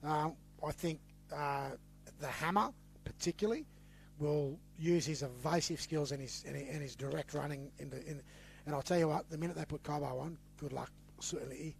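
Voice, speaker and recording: An Australian man hosting a sports podcast in loose, teasing chat. His voice sits a little high with a gravelly edge, and he stumbles over repeated words when he gets excited. A faint hum runs under the recording. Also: moderate pace. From western New South Wales. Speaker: podcast host.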